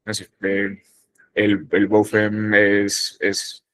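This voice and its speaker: This young man from northern Colombia has a Colombian Spanish accent and a lowish, monotone voice with a fairly bright tone. He speaks reflectively and haltingly on a panel, full of pauses and false starts, in poor-quality audio.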